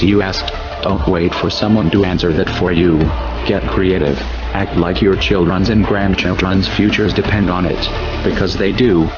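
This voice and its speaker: Anonymous male narrator, voice disguised and pitched very low, grave manifesto delivery over loud music. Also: highs cut off. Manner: grave, measured declaiming. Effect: disguised, pitch-lowered voice.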